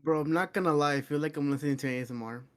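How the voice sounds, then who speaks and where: A soft-spoken man, a guest on a stream, chatting quietly and casually. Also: on the high side, very fast, no echo, studio quality. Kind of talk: casual chat.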